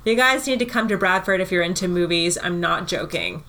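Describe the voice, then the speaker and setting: A woman's voice: fairly low pitch, animated, a little fast, pushed and bright. A woman who works at a museum, chatting casually and enthusiastically, rambling a little and using filler words. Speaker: museum worker, podcast co-host. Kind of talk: casual chat.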